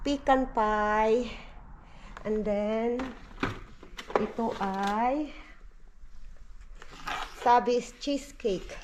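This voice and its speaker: Indoors at home, this family vlogger from the Philippines keeps up a casual, chatty conversation with viewers she calls "Day," pausing to coo at a small child. She has a Filipino accent and a voice on the high side, and background noise is audible.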